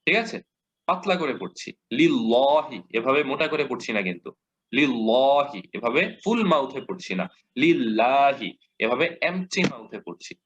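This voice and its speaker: A man's voice: mid-range voice, very animated, sharp tone. Patient male recitation teacher, lo-fi audio. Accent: Bangladeshi Bengali. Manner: patient, repeats examples, models slow recitation. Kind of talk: explanatory lesson. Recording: dull lo-fi audio.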